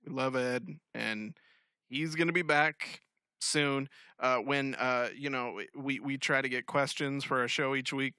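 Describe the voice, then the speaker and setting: A man with an American accent co-hosting a podcast in casual comedic chat, animated, joking and freely swearing. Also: mid-range voice, a little slow, smooth, no echo, studio quality. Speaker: podcast co-host.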